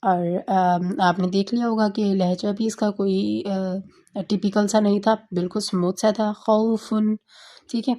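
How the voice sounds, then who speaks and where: A woman tutor patiently explaining a tajweed lesson, often checking in with "okay", slowing down to recite verses. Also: mid-range voice, fairly even intonation, warm tone. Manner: patient, repeats "theek hai" often; slows down to recite Quranic verses.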